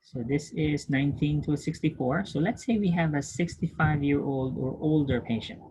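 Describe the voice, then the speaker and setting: In a screen-share lecture recording, a man teaching nursing walks through material step by step, repeating himself patiently and checking understanding with questions. His voice is fairly high and darkish at a normal speed, broken up by frequent throat clearing and restarts, and the recording is rough.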